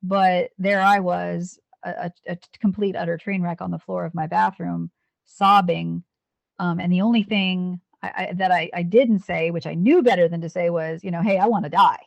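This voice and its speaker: An American woman in her fifties, a police officer and Navy veteran, speaks earnestly in a candid interview, often restarting her sentences. Her lowish, creaky voice keeps fairly even intonation at a moderate pace, recorded lo-fi with no echo.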